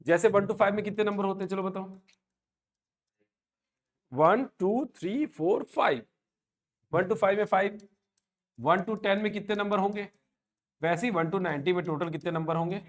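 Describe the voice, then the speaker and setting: A man's voice: high-pitched, fairly even intonation, fairly quick. A man in his thirties teaching a live online coaching class, talking to students in a motivating, conversational way.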